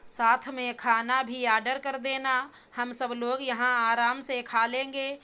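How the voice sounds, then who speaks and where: A woman's voice: fairly high pitch, little pitch movement, slow, pushed and bright, clear, resonant tone. A woman voicing a bossy middle-aged mother-in-law in a storybook reading, talking in a stern, lecturing way. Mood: pleading.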